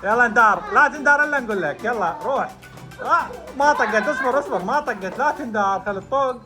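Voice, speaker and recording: Woman, bossy game calls, animated higher voice, music behind. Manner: brisk, commanding game calls, often laughing. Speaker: family vlogger running a game. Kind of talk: casual family game calling.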